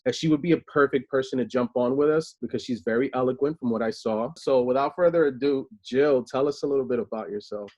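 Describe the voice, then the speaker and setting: A man's voice: medium pitch, a little mellow. A man hosting a casual talk show, talking enthusiastically and rambling with fillers. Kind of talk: casual chat. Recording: dull lo-fi recording.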